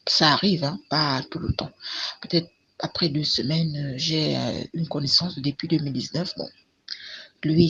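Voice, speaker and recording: A woman's voice: low-pitched, a bit bright. A woman telling a personal testimony in a rambling, hesitant way, full of restarts. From Cameroon. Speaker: storyteller sharing a personal testimony. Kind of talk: casual spoken testimony. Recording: dull lo-fi audio with faint noise.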